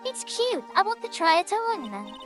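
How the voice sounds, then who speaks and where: A woman's voice: extremely high pitch, very animated, a little slow, music in the background, pitched above the performer's own voice, heavily acted. A woman doing a sugary flirty circus animal tamer. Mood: sweet. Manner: sweet, wheedling.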